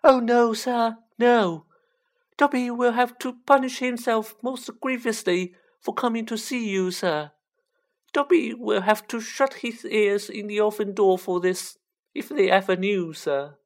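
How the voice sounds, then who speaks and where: Woman voicing Dobby, a squeaky, servile house elf. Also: a little slow. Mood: anguished, resigned. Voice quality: high-pitched, squeaky. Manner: deferential, overwrought, speaks of himself in third person. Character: small servile male house elf, earnest and anguished.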